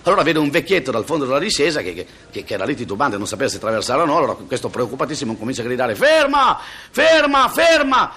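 A man's voice: animated, racing, few pauses, a bit bright, breathy edge. A man telling jokes live to an audience, laughing at his own punchlines, stumbling and restarting, and switching into voices for the characters. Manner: acts out characters with sudden high and low voices. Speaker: joke teller. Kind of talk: live comic joke telling.

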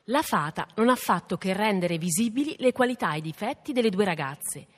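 A woman radio presenter calmly explaining a fairy tale's meaning to listeners. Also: medium pitch, brisk. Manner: calm, explanatory. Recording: reverberant hall.

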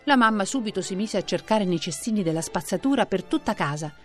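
A woman reads a children's story aloud at a mid pitch, expressive and unhurried. Soft music plays faintly underneath the narration.

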